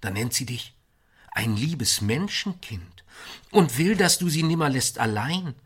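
Husky man reciting poetry dramatically. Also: medium pitch, measured pace. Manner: expressive, swelling and dropping in volume.

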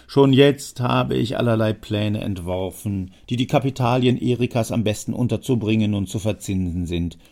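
A man's voice: on the low side, moderate pace, hardly any pauses, a little mellow, natural voice. A man doing a long-winded, scheming old uncle. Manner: smooth, self-important, long-winded.

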